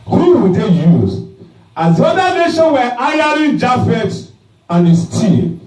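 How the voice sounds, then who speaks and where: A preacher retells a scripture story in a dramatic, emphatic sermon. He speaks slowly, and his pitch rises and falls a lot, with sudden shouts. His voice comes from a distance through a roomy hall. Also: very animated.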